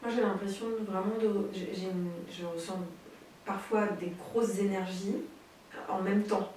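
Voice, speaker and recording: A woman's voice: medium pitch, steady tone, a little slow, darkish tone. Woman, hesitant, groping for words, casual chat, distant pickup, faint hiss. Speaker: participant sharing impressions. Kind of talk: casual chat describing intuitive impressions. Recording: distant, very echoey, hissy.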